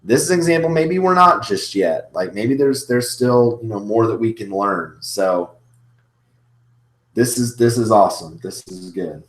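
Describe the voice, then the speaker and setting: A man's voice: fairly low pitch, lively intonation, a little slow. A man hosting a casual reaction video, commenting with gushing, repetitive fan enthusiasm. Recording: roomy echo, faint music behind.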